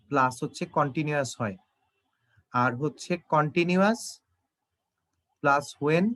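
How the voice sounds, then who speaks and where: Young male tutor, slightly high voice, patient explainer who reads English phrases out slowly for students. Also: fairly bright tone. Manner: explanatory, addresses students directly, slow when reading English. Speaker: teacher. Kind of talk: exam-prep English lesson.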